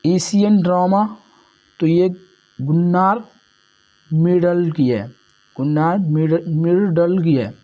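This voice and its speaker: A man's voice: on the high side, takes it slowly, pauses often, muffled recording. A man giving an exam-prep lesson as a tutor, repeating each answer and often calling the listeners friends.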